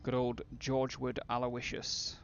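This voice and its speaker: A man's voice: mid-range voice, monotone, a little slow, gravelly, muffled recording, a little hiss or hum. A British man doing casual, blokey, sweary game commentary as a streamer chatting with viewers. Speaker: gaming streamer.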